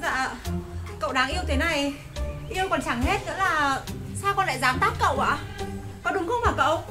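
Very high-pitched, deferential maid, over background music. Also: female voice, animated, brisk. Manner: deferential and fussy, answering with polite particles. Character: fawning young village maid, eager to please. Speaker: household maid. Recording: background music under dialogue.

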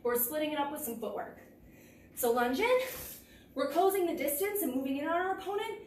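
High-pitched lively woman leading a workout. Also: brisk. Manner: physically exerting while talking, in clipped cues. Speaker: kickboxing instructor. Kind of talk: workout instruction, calling out moves while demonstrating. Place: large indoor martial arts gym with mats. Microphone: far camera across the room. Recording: echoey gym, distant mic, noisy.

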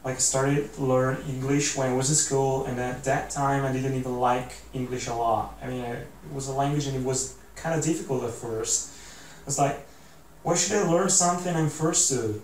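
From an armchair in an echoey indoor room, an Italian vlogger in his 20s gives a casual motivational talk to camera, earnest yet rambling with frequent "like"s and restarts. He speaks in a flat, mid-range monotone at a moderate pace. The camera mic sits a few feet off, adding a distant sound and faint hiss.

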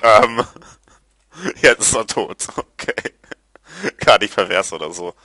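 A man giving casual gameplay commentary, excitable and quick to curse, yelping at his failures. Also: on the low side, no room sound. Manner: excitable, yelps and groans at failures. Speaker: let's player.

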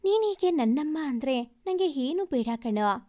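A woman's voice: high-pitched, expressive, unhurried, dark tone. Woman doing a doting elder brother. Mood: tender. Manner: tender, doting and teasing toward his sister. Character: loving, protective young adult elder brother.

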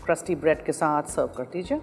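Middle-aged lady chef talking thru a recipe, lapel mic, bit of hall ring and soft music under. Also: low-pitched. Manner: brisk, instructive, switching between languages. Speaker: cooking show chef. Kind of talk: cooking demonstration in mixed Urdu and English. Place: TV studio kitchen set. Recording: roomy studio with faint music.

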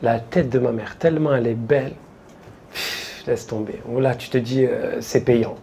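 A man doing stand-up, telling a story in a casual, slangy way to a live audience, quoting his friends in quick asides. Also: mid-range voice, vocal fry, warm tone, slight background noise. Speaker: stand-up comedian. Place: stage before a live audience.

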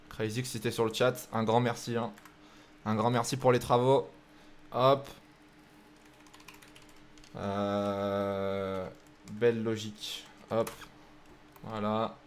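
A man's voice: mid-range voice, flat delivery, drawn-out words, long pauses, smooth. A young man streaming live, chatting casually with his viewers and joking while he sets up racing games. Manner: joking, chatty, thinks aloud while setting up races. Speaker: streamer hosting a racing game night.

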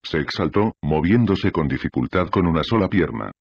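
A man narrating a novel in a steady, measured audiobook reading. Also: sits low, vocal fry, dry recording, lo-fi sound.

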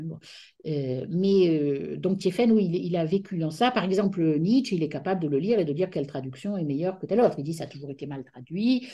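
A middle-aged woman giving an academic lecture over a video call, hesitant and often pausing to search for words. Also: deep voice, warm tone, husky.

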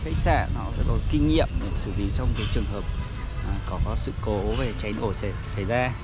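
A man giving casual, halting walking-tour commentary as a travel vlogger, outdoors in a town. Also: fairly low pitch, lively intonation. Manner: halting, searching for words as he walks. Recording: loud outdoor street and traffic noise.

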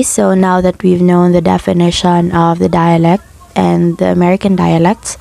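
A young woman, a student reading a class presentation in a steady, explanatory way and slowing down to sound out example words. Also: fairly low pitch, creaky. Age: young adult.

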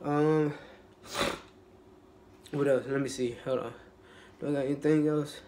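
A young man in a casual mukbang vlog, who rambles in a relaxed, low-energy way with lots of fillers and restarts and has a cold. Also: unhurried, slight background noise. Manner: low-energy, laid-back. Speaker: YouTuber.

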